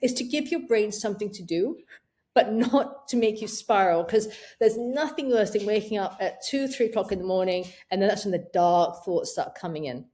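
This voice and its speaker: A woman's voice: medium pitch, normal speed. A middle-aged woman coach answering interview questions, talking animatedly and acting out the voices in her head. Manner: animated, acts out inner voices. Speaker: menopause coach.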